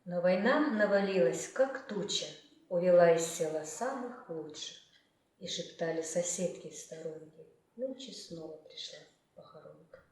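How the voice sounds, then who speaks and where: A woman's voice: lowish voice, animated, normal speed, darkish tone. A woman reciting poetry as a declamation. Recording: very echoey, faint noise.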